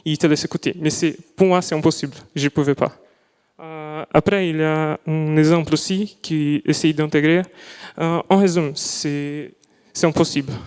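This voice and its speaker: A young man presents his student project, speaking a language that is not his first. He talks carefully, restarts often and searches for words. His voice is slightly high and smooth, with a long reverb from the hall. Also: steady tone, moderate pace, darkish tone. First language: not French. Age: young adult. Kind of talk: live presentation talk. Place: lecture hall.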